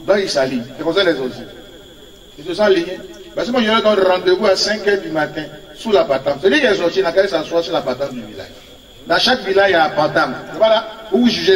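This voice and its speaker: A man's voice: high voice, recorded from a distance. A man from Ivory Coast, preaching a sermon as a prophet, telling stories with laughter and acted-out quotes. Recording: echoey room, speaker off-mic.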